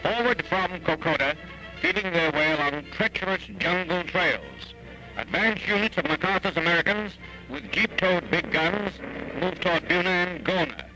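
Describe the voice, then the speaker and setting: A man's voice: sits high, lively intonation, moderate pace, poor audio. A man narrating an old wartime newsreel voice-over in an urgent, declamatory, dramatic manner. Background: music.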